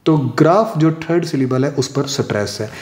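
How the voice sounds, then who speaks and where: A man teaching an English lesson, explaining terms in Hindi and Urdu, reading the English definitions slowly and repeating words to show their stress. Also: on the high side, expressive, darkish tone. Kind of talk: classroom lesson explaining poetic meter. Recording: echoey room.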